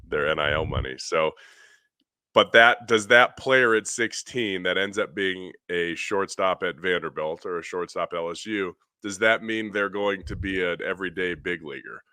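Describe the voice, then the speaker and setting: A middle-aged man with a low, bright, forceful voice talks through a baseball swing in an animated, rambling way. He is recorded on a dry, close mic for a podcast. It sounds like casual studio chat. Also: no echo. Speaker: podcast co-host, hitting coach.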